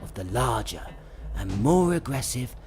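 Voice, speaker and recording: A man voicing a wildlife documentary narrator with a hushed, measured delivery. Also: medium pitch, sing-song. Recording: narration over music.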